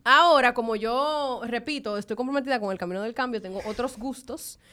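Bright high-voiced woman. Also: a little fast. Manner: chatty, rambling with fillers like "di que". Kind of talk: casual chat.

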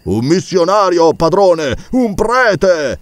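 A man reading an audiobook, voicing an eager, excitable servant who calls out to his master. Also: sits high, takes it slowly, no room sound, voice pushed up, heavily acted. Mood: excited. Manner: eager, exclamatory.

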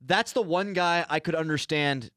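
A man's voice: on the high side, normal speed, fairly bright tone, dry recording, studio quality. A man hosting a sports radio show, chatting casually and joking with his guest. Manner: joking, opinionated. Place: radio studio.

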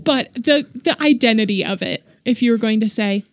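A woman's voice: fairly high pitch, lively intonation, normal speed, dry recording. A woman chatting on a comedy podcast and making brief, wry remarks. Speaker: podcast guest. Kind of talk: casual comedic chat.

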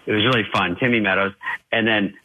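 A man guest swapping comedy stories in a casual chat, animated and voicing others as he tells them. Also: fairly low pitch, fast, lo-fi sound, slight background noise. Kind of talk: casual anecdote telling.

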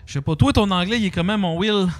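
A man's voice: high voice, quick pace, dry recording. A man with a Québécois French accent in casual chat, joking, crude and teasing.

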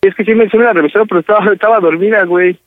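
A man's voice: high voice, fairly even intonation, very fast, narrow, tinny audio. Pleading Mexican man on a prank call. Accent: Mexican Spanish. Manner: pleading, slangy. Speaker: prank caller.

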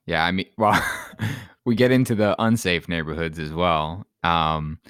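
A male podcast co-host in casual banter, joking and quick to riff on ideas. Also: low-pitched, steady tone, a bit bright, smooth, dry recording, clean studio sound.

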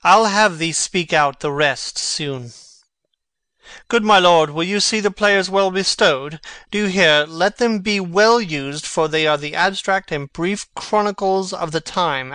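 A man playing a brooding, sharp-witted young prince, speaking verse theatrically. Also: a little high, no room sound. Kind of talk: reading a stage play.

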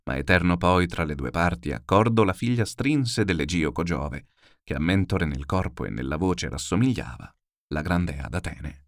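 A man reading classical epic verse aloud in a steady, declamatory way. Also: low voice, moderate pace, dry recording, studio quality. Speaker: narrator.

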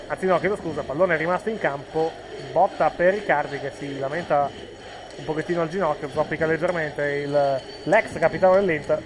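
A man commentates a football match informally and live. His voice sits fairly high, and he hesitates and corrects himself. Faint urban noise is audible behind him. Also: steady tone, a little fast.

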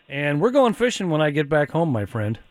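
A man hosting a talk radio show, his voice a bit high for a man and swinging all over the place in pitch. He jokes around and laughs often, and the studio sound is dry and close. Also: fairly quick, dry recording. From Washington State. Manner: lively, jokey, laughs often. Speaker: radio host. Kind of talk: casual radio chat.

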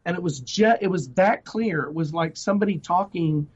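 An earnest middle-aged man recounts his life story in an interview, his voice sitting a little high for a man. He talks in a searching way, full of fillers and restarts. The recording sounds dull and lo-fi. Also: moderate pace. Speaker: guest ministry director. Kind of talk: personal testimony interview.

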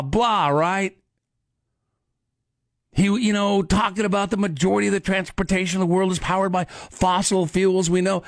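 A male radio talk show host chatting casually, with sarcastic, quick asides. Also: sits high, vocal fry, no echo, studio quality. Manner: sarcastic, conversational, rapid asides.

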